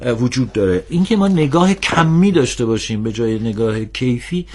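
A man speaking as a guest on a televised discussion show, earnest and critical, pausing often with drawn-out filler sounds. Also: mid-range voice, expressive, darkish tone. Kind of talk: TV panel discussion.

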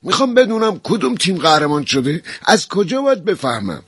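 A man voicing an excitable young male soldier obsessed with football, talking in loud, excited bursts. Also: mid-range voice, breathy edge, no echo, pitched above the performer's own voice. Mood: exasperated.

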